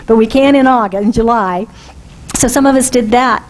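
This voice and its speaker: Lady minister preaching in church, talks like a friendly chat, keeps asking the room stuff, voice on the high side. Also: normal speed, a little mellow, poor audio. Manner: conversational, asks the congregation questions. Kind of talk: sermon. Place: church sanctuary.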